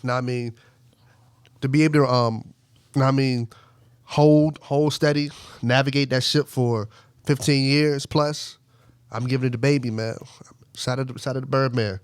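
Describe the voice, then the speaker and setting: Mid-pitched man, halting then emphatic. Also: steady tone, clean tone, no echo, clean studio sound. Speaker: podcast co-host. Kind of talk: casual debate.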